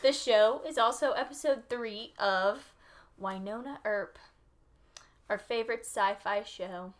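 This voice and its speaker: A woman co-hosting a casual podcast. Her voice sits fairly high, and she talks loosely, with frequent laughter and "like" fillers. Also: a little slow. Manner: laughs often, chatty with many "like" fillers. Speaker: podcast co-host. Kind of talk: casual chat.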